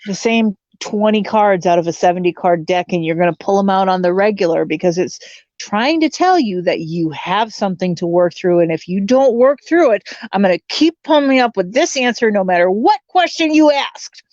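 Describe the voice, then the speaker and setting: A woman's voice: mid-range voice, animated, moderate pace, a little mellow, dry recording. A woman in her forties, a tarot reader guest chatting casually, joking and laughing often. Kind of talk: casual live-stream chat. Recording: dull lo-fi stream audio.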